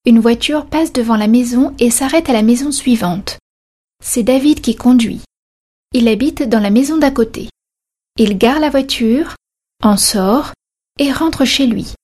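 A woman narrating a children's story in a slow, careful reading voice. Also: fairly high pitch, warm tone.

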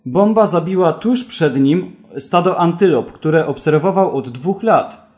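A man's voice: on the high side, lively intonation, a little slow, a little mellow, pitched above the performer's own voice. A man reading the lines of a firm, insistent female field doctor in a storybook. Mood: urgent.

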